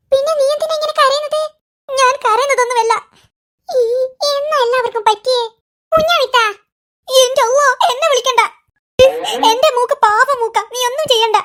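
A performer voicing squabbling cartoon kids and their mother, bickering in a squeaky, sped-up comic style. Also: brisk, a bit bright. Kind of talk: cartoon character voices.

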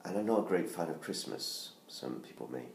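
Recorded up close on a tablet camera in his living room next to the Christmas tree, this middle-aged UK man promotes his book in a relaxed self-made video. Laryngitis leaves his deep voice hoarse, and he talks briskly and animatedly with frequent ums and false starts. The room sounds roomy, with slight background noise.

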